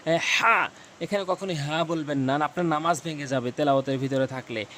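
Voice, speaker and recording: A man teaching Quran recitation, explaining how to pronounce each Arabic letter and repeating the sounds slowly and emphatically. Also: on the high side, sharp tone, a little hiss or hum. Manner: slow, emphatic, drills sounds by repeating them. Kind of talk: tutorial on Arabic letter pronunciation.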